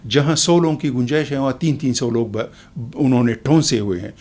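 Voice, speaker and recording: A man, a guest on a talk program, explaining calmly in a measured, lecturing way with everyday examples. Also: mid-range voice. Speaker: expert guest. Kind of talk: explanatory talk show answer.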